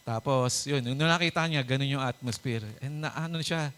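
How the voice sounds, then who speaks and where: A pastor giving a conversational sermon, mixing Tagalog and English, chuckling often and checking in with the congregation with "di ba?" and "Amen?". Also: male voice, mid-range voice, moderate pace, a bit bright, clear, resonant tone. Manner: chuckles often while preaching; hesitant, with many fillers and restarts.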